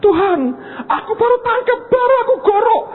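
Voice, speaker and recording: A preacher voicing a frantic woman, Martha, who shrieks and shouts as if near tears. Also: very high-pitched, normal speed, pitched above the performer's own voice. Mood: panicked. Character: shrill frantic woman, Martha, cook with a cleaver. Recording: tinny phone-like sound, faint noise.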